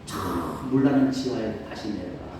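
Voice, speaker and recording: A middle-aged male pastor preaching a testimony sermon, telling his story with animated shifts between formal and casual speech. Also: lowish voice, normal speed, background noise. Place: church sanctuary. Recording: echoey church hall from far off.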